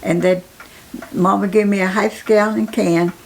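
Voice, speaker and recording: A woman in her nineties from Appalachia with a Southern Appalachian accent and an aged, gravelly voice, reminiscing casually in a halting, plain-spoken, repetitive way. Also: medium pitch, steady tone, darkish tone, slight background noise, low-quality recording. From Appalachia, United States. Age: 90s. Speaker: interviewee.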